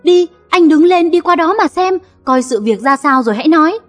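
A woman's voice: high voice, animated, moderate pace, warm tone, husky, soft background music. A woman voicing a stammering, frightened young wife. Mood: insistent. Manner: anxious, stammering. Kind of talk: audio story narration.

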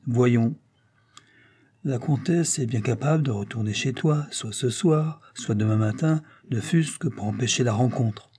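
A man reading the part of a cold, taciturn young gentleman in an audiobook. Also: mid-range voice, measured pace, husky. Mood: serious. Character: grave, anxious young gentleman.

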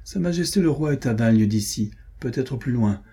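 Scheming baron in a storybook, cool and calculating, dark husky voice, read by a man. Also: mid-range voice, expressive, normal speed.

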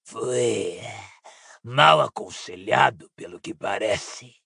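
Guy doing a cold cruel dark lord, low gravelly voice, crisp edge, audiobook. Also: animated, dry recording, clean studio sound, exaggerated voice. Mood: cold menace. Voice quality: cold, creaky and husky. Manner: slow, quiet and icy menace. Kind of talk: audiobook character voice.

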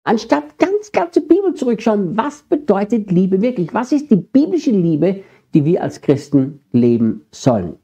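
A man's voice: high voice, very animated, a little slow, mellow, breathy edge. A middle-aged man with an Austrian accent preaching a sermon, earnestly addressing his congregation. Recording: dull lo-fi sermon recording.

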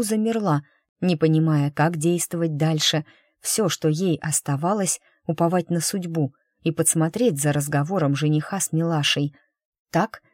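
A woman narrating an audiobook in an even storytelling manner. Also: deep voice, no echo, clean studio sound. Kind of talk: scripted narration.

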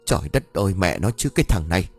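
A man's voice: sits low, very animated, quick pace, darkish tone, slightly rough, dry recording, soft background music, voice pushed down, heavily acted. A stern, hot-tempered old village sorcerer, as a man puts him on for an audio storybook. He scolds in an exasperated way, and his voice climbs and drops widely. The sound is dry and close.

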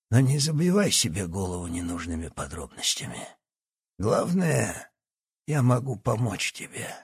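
A man's voice: lowish voice, slightly rough, no echo, studio quality, full character voice. A man voicing a scheming old doctor who is secretly a villainous professor, speaking in a condescending, sly way in an audiobook. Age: over 60. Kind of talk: audiobook character acting.

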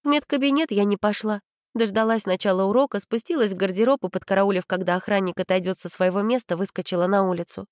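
A woman narrating a children's story in the first person, with expressive storytelling. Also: medium pitch, fast talker, no room sound, studio quality. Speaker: audiobook reader.

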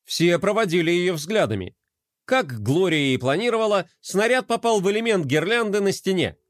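Male storybook narrator, playful and animated. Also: high-pitched, moderate pace, no echo, clean studio sound. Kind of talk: children's audiobook narration.

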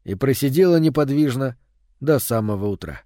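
Male audiobook narrator, steady measured storytelling, dry studio sound. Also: mid-range voice, dry recording. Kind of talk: scripted narration.

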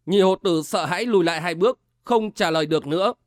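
A man reading a story aloud as audiobook narrator in a steady storytelling manner. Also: high voice, fast, dry recording, clean studio sound. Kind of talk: scripted narration.

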